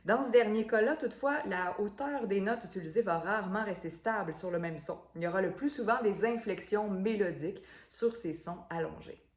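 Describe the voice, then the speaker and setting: A woman's voice: mid-range voice, a little fast, hardly any pauses, echoey room. A woman, a voice coach explaining things in an instructional video, with frequent fillers and repeated words.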